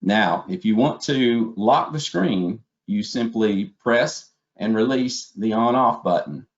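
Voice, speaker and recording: A man with a fairly low pitch takes his time as he narrates instructional slides as a webinar trainer, proceeding methodically step by step. The recording is dull, lo-fi webinar sound.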